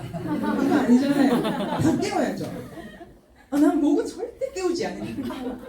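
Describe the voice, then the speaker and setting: A middle-aged woman giving a lively sales seminar, laughing often and acting out her customers. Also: high-pitched. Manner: animated, laughing, acts out quoted customers. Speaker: product seminar speaker. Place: seminar hall. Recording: roomy hall sound from far off.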